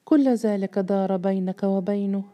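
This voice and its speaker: A woman's voice: medium pitch, fairly even intonation, normal speed, dark tone, lightly acted. A woman reading a novel aloud, voicing an anxious young mother who exclaims in alarm and disbelief. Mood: alarmed, amazed.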